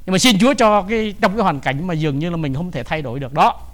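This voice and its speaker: A man preaching a sermon in a high, lively voice. He leans on his words and keeps asking the congregation questions, then answers them himself. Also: quick pace. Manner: emphatic, asks the congregation questions. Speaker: pastor.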